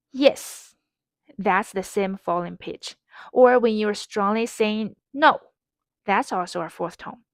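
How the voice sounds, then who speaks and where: A woman teaching a pronunciation lesson, explaining patiently and modeling each sound clearly. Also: mid-range voice, no echo, clean studio sound. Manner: slow, patient, clearly enunciated instruction with modeled drills. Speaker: Mandarin teacher.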